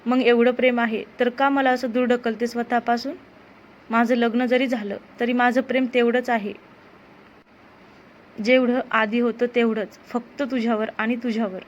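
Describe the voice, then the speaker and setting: Woman doing a pushy young guy lover in a marathi love story, insistent, highish voice. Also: level tone, normal speed, lo-fi sound, slight background noise, lightly acted. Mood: pleading. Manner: insistent, pleading. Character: young man, possessive desperate lover.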